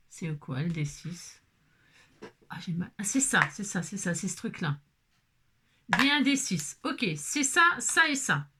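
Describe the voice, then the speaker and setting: A chatty woman talks viewers through a do-it-yourself build in a casual vlog. Her voice is bright and forward, at an ordinary middle pitch. She exclaims, mutters to herself and grumbles when a piece goes wrong. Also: a little hiss or hum. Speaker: DIY crafting vlogger. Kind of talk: casual talk while assembling a kit.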